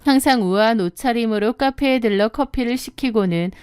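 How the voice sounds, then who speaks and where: A woman tells a first-person story as an audiobook, calm and even. Her voice sits a little high and sounds smooth and clear. It is recorded close and dry. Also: brisk, dry recording.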